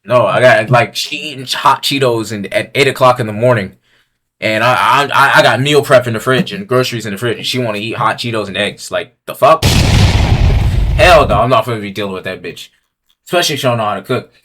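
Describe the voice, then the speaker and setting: A young man briskly ranks items on a tier list, reading each one aloud and then riffing on it in crude, blunt slang. His casual commentary swings between low mutters and loud yelling.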